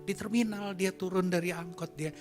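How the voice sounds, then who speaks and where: A man's voice: high voice, steady tone, normal speed, over music. A man who is a pastor, preaching a storytelling sermon at a church service in a conversational way and asking the congregation questions.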